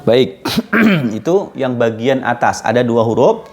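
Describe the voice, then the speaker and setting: Indonesian male tutor, unhurried and patient, a little congested from a cold, drills sounds over and over. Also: medium pitch, big pitch swings. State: has a cold, clears throat often. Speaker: Quran recitation teacher. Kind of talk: teaching Arabic letter pronunciation.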